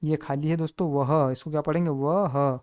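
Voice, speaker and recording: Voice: medium pitch, fairly even intonation, fast, a little mellow, smooth. A teacher giving a step-by-step spelling lesson, who keeps asking the listener questions and then answering them, and calls the listeners friends again and again.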